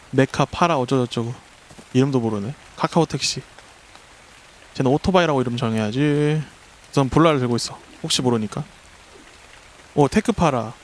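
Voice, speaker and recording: A man streaming a survival game, talking to his creatures and his chat and yelping when startled. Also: medium pitch. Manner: excitable, yelps and swears when startled; talks to the creatures and the chat while playing. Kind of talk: live gameplay commentary.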